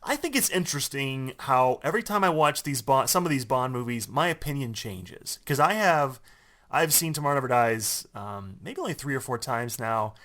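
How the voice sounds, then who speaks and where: Guy on a podcast going back and forth on a movie, rambly, lots of restarts, middle pitch. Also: animated, moderate pace, pushed and bright. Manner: rambling, self-correcting. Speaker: podcast co-host. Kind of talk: casual film discussion.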